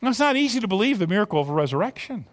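A man preaching an Easter sermon as pastor, impassioned, swinging from loud emphasis to hushed near-whispers. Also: high-pitched, very animated, racing. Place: church sanctuary. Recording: long reverb of a church hall.

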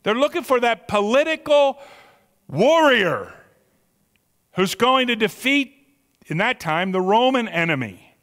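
A man's voice: very high-pitched, big pitch swings, a little slow, long pauses, fairly bright tone. A man preaching an expository sermon, stretching key words for emphasis and putting rhetorical questions to his listeners. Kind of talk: expository sermon with scripture reading. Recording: long hall reverb.

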